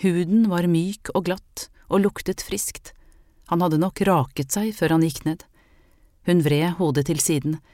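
A woman narrating a novel as an audiobook in a calm, measured way. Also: lowish voice, no echo, studio quality.

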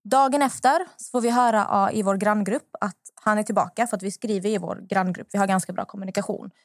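A young woman hosting a podcast, telling a personal story in a lively, animated way. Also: medium pitch, no room sound, studio quality. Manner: animated anecdote-telling, acts out what others said. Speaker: podcast host. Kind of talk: casual storytelling.

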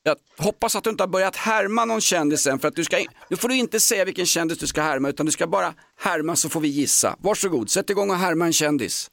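A man's voice: a little high, vocal fry, few pauses, fairly bright tone, no room sound. A male morning radio host with upbeat, jokey banter on a studio microphone.

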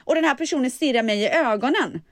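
A young woman co-hosting a casual chat, her pitch swinging widely as she tells a story. She acts out the voices of the people in it and laughs often. The recording is close and dry. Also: animated, no echo. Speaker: podcast co-host.

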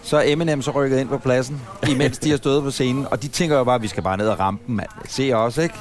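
Rambling man telling a long anecdote. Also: mid-range voice. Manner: rambling, animated anecdote-teller. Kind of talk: casual storytelling chat. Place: café.

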